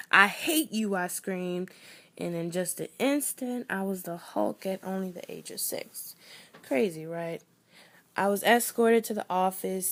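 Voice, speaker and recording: A young woman telling a performed personal story with wry humor, swinging between loud bursts and near whispers. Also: mid-range voice.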